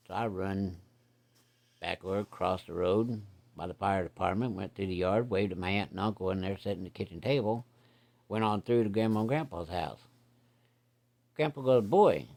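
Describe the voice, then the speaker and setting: A man's voice: low-pitched, vocal fry, a little mellow. A middle-aged man telling a childhood story in a casual, plainspoken way, using folksy rural grammar.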